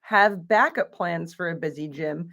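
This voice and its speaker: A woman hosts a casual live stream with her business partner, chatting warmly and greeting viewers one by one. Her voice sits a little low, and her aligners give her words a slight lisp. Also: unhurried. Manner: chatty, laughs often, greets viewers by name. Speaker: co-owner and live stream host.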